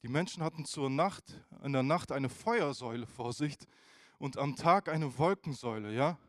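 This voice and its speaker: A man preaching a casual youth sermon, informal and animated, who speaks straight to his listeners. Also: medium pitch, normal speed, no echo, studio quality.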